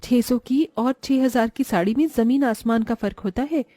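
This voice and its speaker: Playing a greedy, envious young wife from a cartoon moral tale, a woman speaks at normal speed in a fairly high, soft-edged voice close to her everyday one. Her manner is nagging and sharp-tongued, her mood scolding and resentful, captured close and dry over music without room sound.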